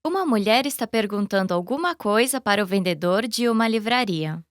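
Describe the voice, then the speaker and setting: Lively, clear woman reading a quiz. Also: mid-range voice, fairly quick, dry recording, clean studio sound. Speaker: quiz narrator. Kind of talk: scripted lesson narration.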